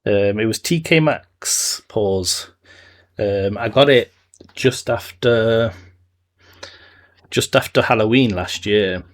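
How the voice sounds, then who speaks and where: A man's voice: fairly low pitch, slow pace, pauses often. A man chatting casually and jokingly while streaming a zoo-building game. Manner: playful, joking asides to chat.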